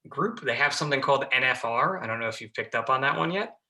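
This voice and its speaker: A man, a fire lieutenant, speaking as a podcast guest in enthusiastic, casual conversation that comes in quick bursts. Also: mid-range voice, lively intonation, sharp tone.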